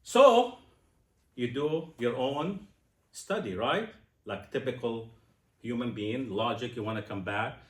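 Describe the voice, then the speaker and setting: A man in his sixties giving a personal testimony speech, animated and asking his audience questions. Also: medium pitch, slow, pauses often, reverberant. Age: 60s. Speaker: speaker.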